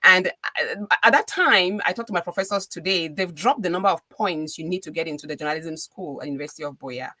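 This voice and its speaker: Her lowish voice moves briskly with lively intonation and hardly any pauses, sharp in tone on a dry recording. She's a middle-aged radio DJ with a Cameroonian accent, earnestly chatting as a podcast guest in a casual interview conversation and repeating phrases for emphasis.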